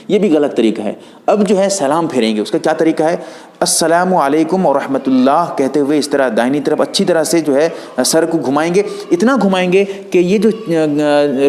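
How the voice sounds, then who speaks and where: A man with a somewhat high voice gives religious instruction. He speaks in a patient, explanatory way and shows each movement as he goes. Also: mellow. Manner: patient, explanatory, demonstrating as he talks. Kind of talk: step-by-step prayer instruction.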